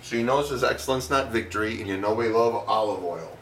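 A man's voice: on the low side, quick pace, a bit bright, slight background noise. A middle-aged man hosting a home cooking demonstration, talking casually with wry, self-mocking, rambling asides. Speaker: home cooking show host. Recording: roomy echo, distant mic.

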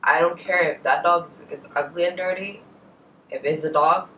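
A young Indonesian woman, a beauty vlogger, chats casually to camera in her bedroom while answering a tag, speaking with an Indonesian accent and correcting herself as she goes. Her voice is lowish, bright and forceful, with a steady tone at a moderate pace, and she drifts into asides. The camera sits a short way in front of her, yet she sounds far off and the audio is poor.

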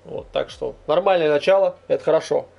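A man's voice: on the high side, brisk, gravelly, a little mellow. A young man giving informal, slangy gameplay commentary, muttering to himself over game sounds. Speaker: gamer commentating own play. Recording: faint noise, game sound behind. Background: fighting game sounds.

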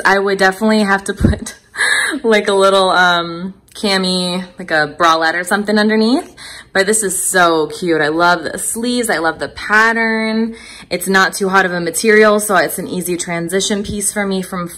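Recording indoors at home on a handheld phone, a thirtysomething woman gives chatty, enthusiastic try-on commentary for her vlog. Her voice is lowish with a fairly bright tone, and her manner is casual and upbeat.

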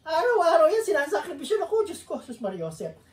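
High-voiced woman preaching in a roomy church. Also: wildly swooping pitch, quick pace. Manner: chatty storytelling, jokes with the congregation. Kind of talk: sermon with a humorous story. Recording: roomy echo.

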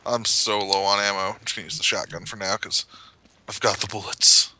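A man's voice: lowish voice, flat delivery, fairly quick, pushed and bright. A man co-hosting a let's play, chatting casually and laughing often as he plays. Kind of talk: casual gameplay chat.

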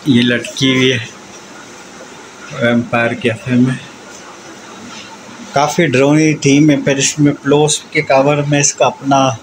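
A man's voice: mid-range voice, little pitch movement, slow pace, long pauses, background noise. A man in his thirties narrating a casual family vlog from a restaurant and cafe, chatting to viewers and coaxing a child along. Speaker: vlogger. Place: restaurant and themed cafe, partly outdoors.

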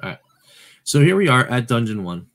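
A man's voice: medium pitch, sing-song, brisk. A man hosting a retro game channel, talking casually over his gameplay, rambling and correcting himself with playful asides.

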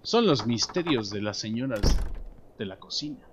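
A young man with a Mexican accent giving joking, animated let's play commentary, talking to himself and his viewers as he plays. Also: mid-range voice, normal speed, noisy background. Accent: Mexican Spanish. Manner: animated, jokey, talks to himself and viewers while playing. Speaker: gameplay commentator. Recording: background game music.

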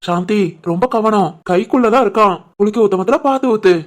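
A woman voicing a doting, joking grandfather in an animated family story, with a southern Tamil accent from the Tirunelveli area and a teasing, affectionate manner. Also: medium pitch, fast, close to an everyday voice. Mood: caring. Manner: teasing, warm, jokey.

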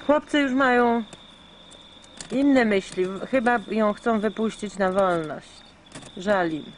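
A woman's voice: mid-range voice, a little slow, a little hiss or hum. Woman chatting on an old VHS home video. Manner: chatty, explaining to the children. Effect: old VHS home video recording. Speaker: mother filming family at home. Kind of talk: casual family chat. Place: home, near a lizard tank. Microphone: camcorder microphone.

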